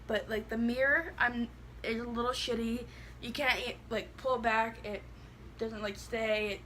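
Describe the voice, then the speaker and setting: A woman's voice: a little high, fairly even intonation, a little slow, pushed and bright, a little hiss or hum, low-quality recording. A woman with a lisp that makes her s sound slushy, chatting casually and bluntly through a product review, rambling with lots of "like". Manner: blunt, rambling, heavy use of "like".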